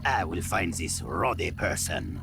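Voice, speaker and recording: Le Frog, gravelly French henchman. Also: sits low, animated, background noise, full character voice. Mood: smug, taunting. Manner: halting foreign phrasing, mock-polite, flourishing. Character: suave, smug French frog henchman, theatrical and taunting. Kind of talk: video game cutscene acting.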